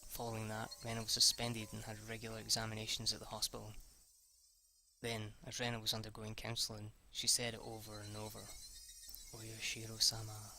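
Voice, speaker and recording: A man with a lowish, bright, forceful voice reads a visual novel aloud a little fast and completely flat, as an amateur let's player. The audio is poor, with a little hiss or hum. He stumbles and restarts, rereading lines, and his spontaneous reactions are casually foul-mouthed.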